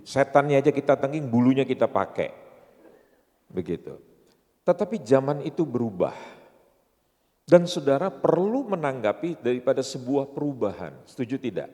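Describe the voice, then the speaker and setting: A man in his sixties with an Indonesian accent preaches at a seminar, teasing his listeners and checking in with them through rhetorical questions. His voice sits at a middle pitch, and a long hall reverb trails behind each phrase. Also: warm tone. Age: 60s. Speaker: pastor. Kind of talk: seminar sermon.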